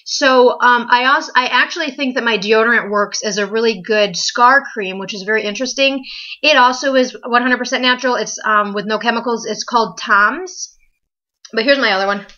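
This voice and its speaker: A woman's voice: on the high side, brisk, sharp tone, highs cut off. A pregnant young woman chatting to camera in a casual home vlog, upbeat, with plenty of fillers. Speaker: vlogger.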